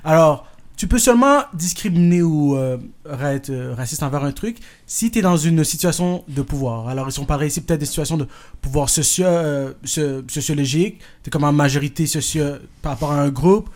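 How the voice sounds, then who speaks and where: A man's voice: on the high side, a little fast, a little mellow, close to an everyday voice. A man playing a pompous male producer with a put-on Japanese accent, lecturing in a mock-formal way and stumbling over his words in a comic podcast bit.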